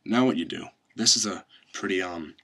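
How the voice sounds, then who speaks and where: A man's voice: low voice, moderate pace, vocal fry, a bit bright, breathy edge. A man presenting a step-by-step magic tutorial, instructing and reciting card magician patter as he demonstrates.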